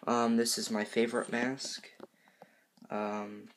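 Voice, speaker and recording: A fifteen-year-old boy with a medium-pitched, level voice speaks slowly while reviewing horror movie masks. His casual, unscripted review is hesitant and rambling, and he keeps correcting himself. There's a little hiss or hum in the audio.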